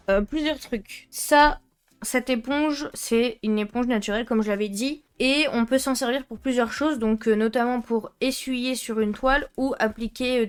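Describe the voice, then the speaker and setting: A woman's voice: fairly high pitch, smooth. A French-speaking woman chatting casually through an art-supply unboxing, hesitant with many fillers and frequent giggles. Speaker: art vlogger.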